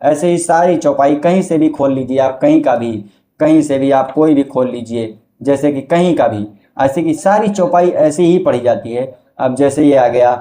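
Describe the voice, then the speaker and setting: In a mellow, mid-range voice, a man casually teaches, step by step, how to recite devotional verses. Now and then he breaks into slow, melodic chanting.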